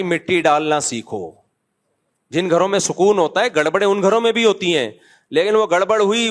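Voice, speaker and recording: In a public Q&A, a middle-aged mufti answers people's questions with a high, fairly bright voice. He chats conversationally, scolds his listeners, and throws in jokes along the way.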